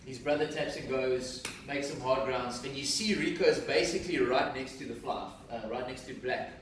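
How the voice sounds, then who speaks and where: A man rambling with cheek and enthusiasm about rugby, in a mid-pitched voice. The sound is very roomy, off the mic, with faint noise behind. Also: normal speed, recorded from a distance. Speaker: podcast co-host. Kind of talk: casual banter and match talk. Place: studio.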